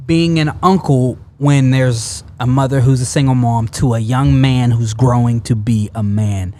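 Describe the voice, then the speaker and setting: A man talking casually on a podcast, measured and careful, hedging before stating his view. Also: medium pitch, steady tone, mellow. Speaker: podcast host.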